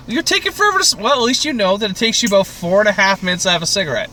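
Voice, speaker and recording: On a podcast he co-hosts, a man from Canada rambles and jokes through a sweary, laid-back TV recap. He talks very fast in a high, expressive voice that's pushed and bright, with background noise clearly present.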